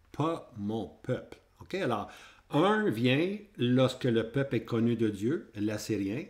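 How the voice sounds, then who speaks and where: A man with a Québécois French accent gives a Bible prophecy lesson, pointing things out on maps. He repeats his key points and keeps checking in with his listeners. His voice sits at a middle pitch for a man. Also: a little mellow. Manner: repetitive, checks in with "hein?" and "ok?". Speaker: Bible teacher.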